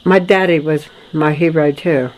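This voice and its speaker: An older woman from Florida in the United States telling her family history in a casual, rambling way, with many restarts and soft chuckles. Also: low voice, steady tone, normal speed, low-quality recording. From Florida, USA. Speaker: documentary photographer recalling family history. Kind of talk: casual spoken memoir to a friend.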